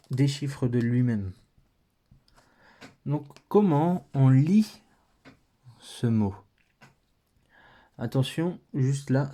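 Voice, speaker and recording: A man's voice: mid-range voice, mellow. A man with a French accent teaching a patient, step-by-step lesson, thinking aloud as he writes.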